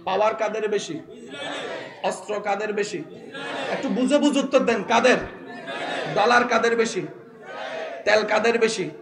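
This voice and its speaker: A man preaching a fiery sermon at a large religious gathering, quizzing the crowd and building from calm talk to shouted peaks. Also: high-pitched, a little slow, long pauses. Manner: quizzes the crowd and demands loud replies. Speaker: Islamic preacher. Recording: echoey loudspeaker sound with a crowd.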